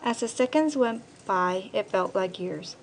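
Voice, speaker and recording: A woman's voice: medium pitch, animated, unhurried, low-quality recording. A young teenage girl from Korea reading her own personal essay aloud, in a careful, earnest storytelling manner. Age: young teen. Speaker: student essayist.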